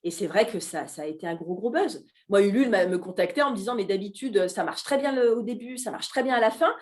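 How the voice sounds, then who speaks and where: A woman's voice: mid-range voice, quick pace. A middle-aged woman from Alsace, a guest chef chatting animatedly at a live café talk, with frequent hesitations. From Alsace, France. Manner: animated, hesitant with many fillers.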